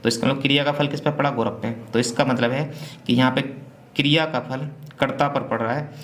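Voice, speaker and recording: A man's voice: medium pitch, steady tone, brisk, a bit bright. Echoey male Hindi grammar teacher. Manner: asks and answers his own questions. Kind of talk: revision class lecture. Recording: echoey room with faint hum.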